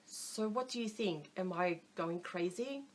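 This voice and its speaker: A woman's voice: lowish voice, a little slow, lightly acted. A woman voicing an anxious young man in an audiobook narration, speaking in an uneasy, earnest way. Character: anxious young man telling his story.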